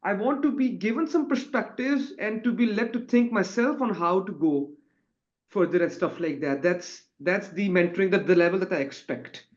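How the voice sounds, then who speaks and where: A man whose voice sits high talks at normal speed during an online webinar, the audio dull and muffled. As a student panelist he speaks informally, wandering a little and adding tag questions.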